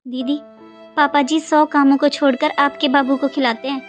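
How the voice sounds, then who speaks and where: A woman's voice: high voice, flat delivery, moderate pace, faint music behind, close to an everyday voice. A woman voicing an overworked young daughter-in-law and new mother who pleads her case in a Hindi cartoon. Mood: pleading. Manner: pleading, complaining, earnest.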